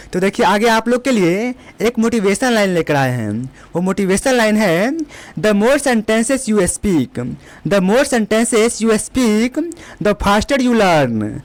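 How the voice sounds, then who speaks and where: A man teaching spoken English to Hindi speakers. He explains in Hindi and says each English sentence slowly twice. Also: sits high, no room sound. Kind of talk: classroom lesson, slow drilled repetition.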